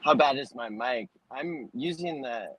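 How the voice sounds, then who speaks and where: A man chatting casually over livestream headset audio from earbuds while driving on a highway. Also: a little slow, breathy edge, poor audio. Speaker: therapist, call participant. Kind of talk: casual chat. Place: in a moving vehicle on a windy highway. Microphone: earbud headset mic, livestream audio.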